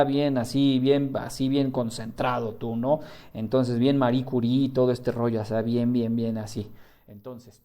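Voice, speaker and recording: A man teaching a live online class, lively and repetitive, asking his students questions and then answering them himself. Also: mid-range voice. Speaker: online high school tutor.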